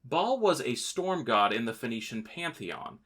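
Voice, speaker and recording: Lively, bright-voiced man telling history jokes. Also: medium pitch, a little slow. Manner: jokey, playful, theatrical asides. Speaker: podcast host. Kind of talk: scripted comedic history narration.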